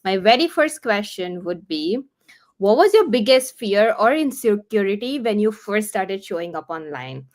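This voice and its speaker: A woman's voice: mid-range voice, big pitch swings. A woman hosting a casual live online interview, earnest and encouraging, often restarting her sentences. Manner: halting, with many restarts and fillers. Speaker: host.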